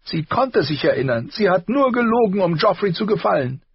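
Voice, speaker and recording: A man voicing a stubborn, tearful young girl in an audiobook, speaking in a high, strained, husky voice with rushed outbursts. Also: no room sound, lo-fi sound. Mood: angry. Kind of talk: audiobook character voice.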